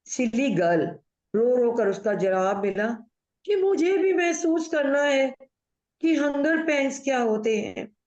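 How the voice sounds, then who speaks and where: A woman's voice: high voice, a little mellow. A woman acting a chatty, bossy middle-aged aunt in a play over a video call, mixing in English while she tells family stories. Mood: scolding. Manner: mixes Hindi with English, gossipy storytelling. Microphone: video call audio. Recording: echoey room, dull muffled audio.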